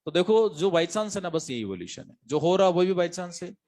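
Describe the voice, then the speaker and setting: A man's voice: sits high, sing-song, moderate pace, a little mellow. Emphatic male biology teacher. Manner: emphatic, repeats phrases, quizzes students. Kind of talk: lively classroom lecture.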